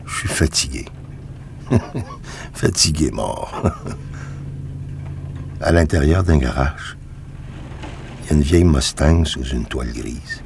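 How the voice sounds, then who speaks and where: Very deep gravelly weary loner. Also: male voice, normal speed, a little hiss or hum. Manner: weary, low, soft-spoken. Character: tired lone man wandering, fond of cars. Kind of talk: first-person radio drama narration.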